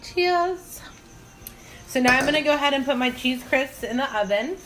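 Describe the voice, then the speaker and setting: A woman's voice: high-pitched, fast, fairly bright tone. Giggly tipsy lady doing a cooking vlog, rambly and casual, bit of kitchen noise behind her. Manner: giggly, tipsy, loose chattiness; informal, rambling, thinking aloud. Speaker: home cooking vlogger. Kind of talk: casual cooking demo to camera. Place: home kitchen. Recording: noisy home recording with kitchen ambience.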